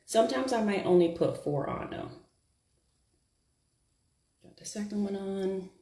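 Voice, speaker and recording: A woman's voice: medium pitch, lively intonation, a little slow, mellow, echoey room. A woman chatting casually and thinking aloud as she applies her lashes during a live stream. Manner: chatty, self-deprecating, thinks aloud while working. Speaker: beauty vlogger. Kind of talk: casual live chat while doing makeup.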